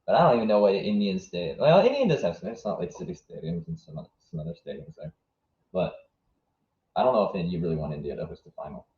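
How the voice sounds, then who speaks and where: Warm, low and very animated, this fast-talking young man from southwest Virginia streams his live reaction to a match. He rambles, thinks out loud, and responds to chat as he goes, all captured in a dull, reverberant room.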